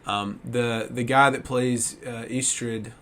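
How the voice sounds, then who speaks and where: A man co-hosting a casual podcast, talking in a relaxed, agreeable way. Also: medium pitch, slow, slight background noise. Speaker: podcast co-host. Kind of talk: casual chat.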